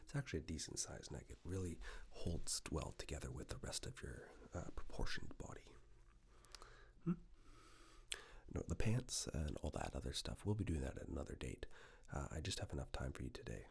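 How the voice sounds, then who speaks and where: A man whispers his way through an ASMR tailor roleplay, playing an attentive, flattering, talkative tailor while sounding very animated. The soft breathy whisper dips into a low creaky murmur, and he speaks slowly, reassuringly, with slight hesitation.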